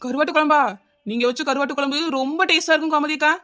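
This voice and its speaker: A woman's voice: high-pitched, fairly even intonation, fast, pushed and bright. A woman voicing a scatterbrained housewife in a comedy cartoon, chattering and wheedling, with a Kanyakumari Tamil accent. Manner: chattering, wheedling, repeats the neighbour's name.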